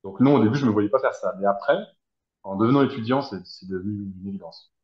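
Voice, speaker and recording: Thirties French guy on a roomy, dull-sounding video call, lower voice, thinks aloud and hesitates. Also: quick pace. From France. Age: 30s. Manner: reflective, hesitant, searching for words. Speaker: guest, helping professional. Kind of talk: personal interview answers. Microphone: video call from abroad.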